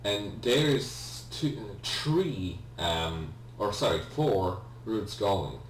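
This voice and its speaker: Drawing out his words, a let's player with a voice on the low side sounds animated as he casually comments on his game. He's hesitant and rambling, often correcting himself, heard through a distant mic in a roomy space with a faint hum.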